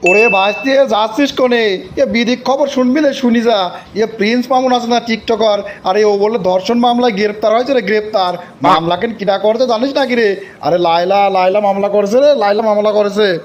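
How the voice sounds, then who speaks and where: High-pitched, gossipy cartoon village uncle played by a man. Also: quick pace, natural voice. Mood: eager, gossipy. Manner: calling out, repeating news eagerly. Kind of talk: comic cartoon dialogue, rustic dialect.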